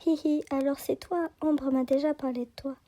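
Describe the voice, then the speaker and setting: A woman's voice: high-pitched, steady tone, moderate pace, dark tone, lightly acted. A woman reading the lines of a catty, gossipy teenage schoolgirl in a teasing way.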